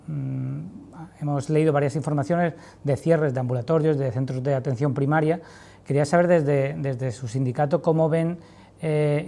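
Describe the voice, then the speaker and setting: A woman with a dark, mellow voice works as a TV interviewer. She puts long questions in a formal, wordy way. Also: deep voice.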